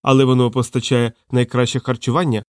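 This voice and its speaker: A man's voice: mid-range voice, little pitch movement, fast, a little mellow, smooth, dry recording, clean studio sound, natural voice. A man reading an audiobook, voicing a magic mirror that recites with idiotic, pompous solemnity. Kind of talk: audiobook character voice.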